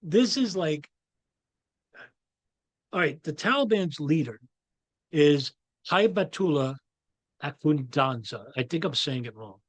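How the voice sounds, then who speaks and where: A man's voice: a little high, lively intonation, measured pace, pauses often, no room sound. A man with a New York accent giving his own views in a rambling monologue, full of restarts and fillers. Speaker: commentator. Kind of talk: casual monologue.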